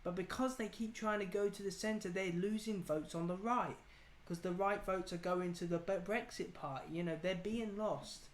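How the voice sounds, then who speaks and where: A man's voice: high voice, moderate pace, few pauses. Opinionated man ranting in an echoey room. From England. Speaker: political talk show host. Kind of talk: casual political debate. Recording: echoey room with faint noise.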